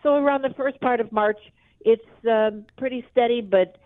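This guest's voice sits on the high side, and she keeps a moderate pace as she explains things during a live radio phone interview. She's a wide-awake tax preparer who heads her company. The audio is a narrow, tinny phone line without echo.

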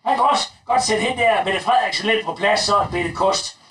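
Sketch: man as crude gossipy mum, very high voice, rambling and swearing, picked up from a distance in an echoey room. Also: sharp tone. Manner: crude, rambling, talks about herself as "mor". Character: crude gossipy middle-aged mother, bossy and blunt. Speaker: sketch actor. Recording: roomy, distant recording.

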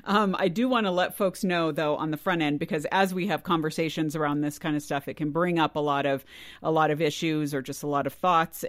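A man's voice: a little high, dry recording. A male podcast host with a slightly raised voice gives upbeat, affirming remarks to his guests. His voice is recorded dry and close to the mic. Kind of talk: podcast hosting.

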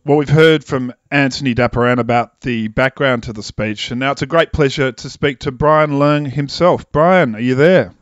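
A man's voice: mid-range voice, normal speed, hardly any pauses, no echo, muffled recording. A man hosting a podcast, asking conversational interview questions. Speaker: podcast host.

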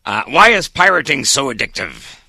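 A man's voice: mid-range voice, very animated, brisk, sharp tone, dry recording, heavily acted. A radio host voicing a jovial pirate character who tells corny puns while calling in from his boat. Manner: gravelly, corny punning.

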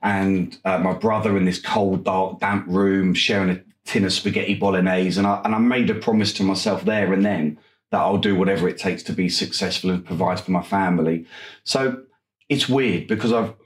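An enthusiastic, energetic man with an Essex accent, answering conversationally as an interview guest. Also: low voice, moderate pace, reverberant. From Essex, England. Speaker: interview guest, property coach.

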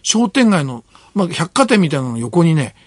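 A man's voice: on the high side, very animated, normal speed, no echo, clean studio sound. An older man hosting a radio talk show, giving emphatic commentary in bursts with many tag particles. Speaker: radio host.

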